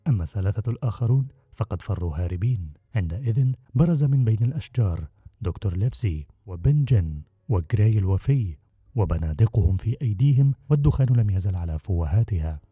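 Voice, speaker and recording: Fast, dark-voiced male audiobook narrator. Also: lowish voice, slightly rough, dry recording, clean studio sound. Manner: brisk, steady storytelling. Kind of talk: scripted narration.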